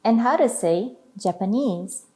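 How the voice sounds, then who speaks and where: Slow, patient woman teacher with a Brazilian accent. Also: a little high, expressive, echoey room, background noise. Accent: Brazilian Portuguese. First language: Portuguese. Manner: repeats each word slowly and carefully for learners. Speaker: language teacher. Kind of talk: slow, clear language lesson.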